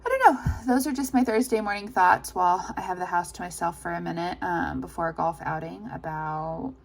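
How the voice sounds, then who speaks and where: A woman's voice: on the low side, fairly quick, gravelly. A woman talking casually to her vlog audience, rambling informally as she thinks aloud. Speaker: running vlogger. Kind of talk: casual personal vlog chat.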